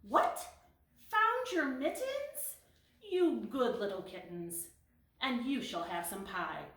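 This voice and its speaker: A woman voicing a stern mother cat, scolding slowly and loudly. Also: high voice, very animated, exaggerated voice. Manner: slow, loud scolding. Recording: roomy echo, mic at a distance.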